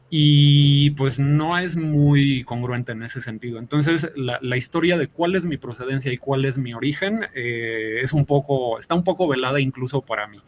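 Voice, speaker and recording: A man's voice: medium pitch, a little hiss or hum. A man in his forties with a Mexican accent, a podcast guest telling long stories with many fillers. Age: 40s. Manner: rambling storyteller, many fillers. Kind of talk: podcast interview.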